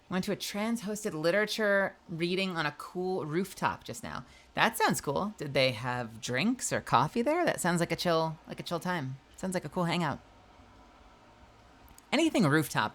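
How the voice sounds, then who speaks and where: Hosting a live stream, a woman with a nasal voice that sits on the low side yet sounds a bit bright reads the chat and greets her viewers. Her manner is loose and chatty, peppered with laughs and plenty of swearing.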